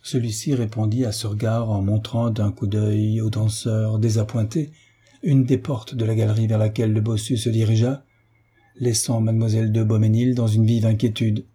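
A man reading a classic novel aloud as narrator, in an even, steady manner. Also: lowish voice, normal speed, husky. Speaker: audiobook narrator. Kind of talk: scripted literary narration.

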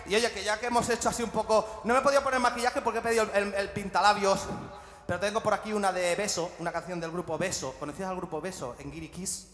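A man's voice: sits high, fairly even intonation, fast, fairly bright tone, a little hiss or hum. A man, a comic singer-songwriter rambling and joking between songs at a live show. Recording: echoey live hall with guitar.

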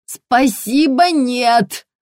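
A woman reading an audiobook, voicing an irritable stout middle-aged male police colonel who speaks slowly in gruff, clipped bursts. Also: mid-range voice, dry recording, clean studio sound, natural voice. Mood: indignant. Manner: slow, gruff, loud clipped outbursts.

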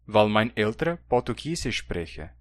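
A man's fairly low voice swings widely in pitch at a moderate pace as he reads a textbook dialogue's student lines for a language course. His Brazilian Hunsrik German accent and plain, questioning learner's delivery come through clean studio sound with no echo.

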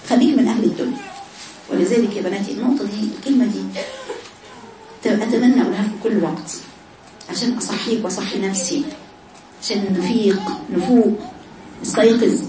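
A woman with an Egyptian Arabic accent teaching a Quran recitation class, often repeating sounds to demonstrate them. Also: medium pitch. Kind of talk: classroom lesson on pronunciation. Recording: echoey, noisy room.

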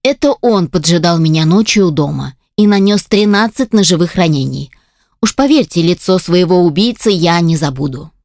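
A woman's voice: fairly low pitch, lively intonation, normal speed, a little mellow, no room sound, studio quality. Woman narrating a first-person audiobook. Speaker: audiobook reader.

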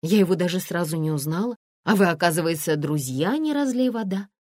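An earnest young wife, as a woman narrator gives her voice, quick to protest and indignant. The voice is low but lively, close and dry. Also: dry recording.

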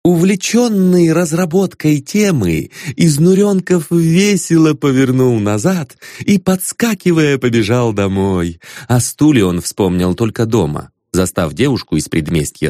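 A man narrating an audiobook with a lively, expressive reading. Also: mid-range voice, measured pace, no echo, studio quality.

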